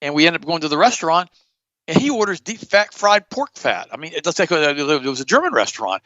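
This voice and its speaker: A middle-aged man hosting a show, telling stories in a blunt, animated way and jumping up in pitch for emphasis. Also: brisk, dry recording, dull audio. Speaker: podcast host. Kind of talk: casual storytelling chat.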